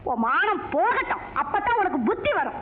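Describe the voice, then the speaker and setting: A woman's voice: extremely high pitch, big pitch swings, a little fast. An actress playing a fed-up working-class wife in a film comedy, scolding her husband in exasperation. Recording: tinny lo-fi film audio with faint hiss.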